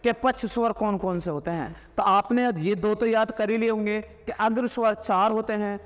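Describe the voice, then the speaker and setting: High-voiced man teaching in a reverberant room. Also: steady tone. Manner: asks and answers his own questions, dictates slowly and repeats words; sounds out vowels loudly to demonstrate. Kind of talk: classroom lecture.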